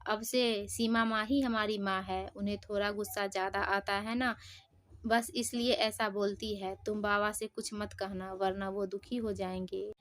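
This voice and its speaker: Woman voicing boy, older brother, calm, soothing, level, storybook. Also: mid-range voice, normal speed, natural voice. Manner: soothing, reasonable.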